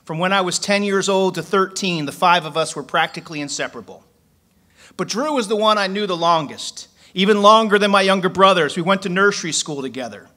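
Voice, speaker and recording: His voice sits high, bright and forceful, and he talks a little fast: a Philadelphia man in his forties reading poems off paper at a stand mic in a small club, then telling a story.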